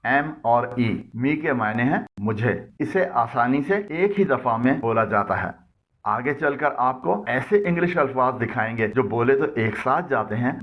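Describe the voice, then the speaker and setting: A man with an Urdu accent narrates a scripted English lesson at a slow, deliberate pace and spells words out letter by letter. His voice sits at a middle pitch. The recording is dull and lo-fi. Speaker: English teacher.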